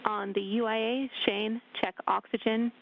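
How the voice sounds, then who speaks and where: A woman at mission control reads out procedure steps in a steady, measured way over a crackly radio link. Her voice has a slight gravelly fry, and the thin, tinny line narrows it. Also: a little high. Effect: crackly radio communicator link.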